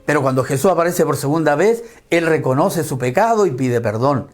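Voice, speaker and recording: A man preaching a sermon, fervent, with sweeping rises and falls in pitch and pace. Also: expressive, a little fast, soft background music.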